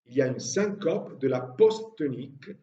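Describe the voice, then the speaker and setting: A man's voice: medium pitch, animated, moderate pace, warm tone. A man teaching a university lecture, explaining step by step with frequent hesitations. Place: lecture hall. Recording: roomy, distant, dull lecture-hall recording.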